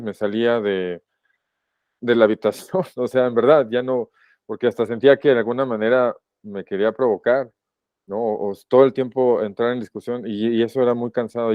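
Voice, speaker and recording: A man with a Mexican accent, a podcast guest giving a personal account in a reflective, halting, emotional way. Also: mid-range voice, clean tone, no echo, highs cut off. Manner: reflective, halting and emotional, often pausing to rephrase. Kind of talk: personal testimony in a podcast interview.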